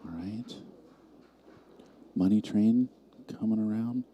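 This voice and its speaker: A man giving calm, analytical live commentary on a pool match, calling each shot. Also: lowish voice, slow pace, slight background noise.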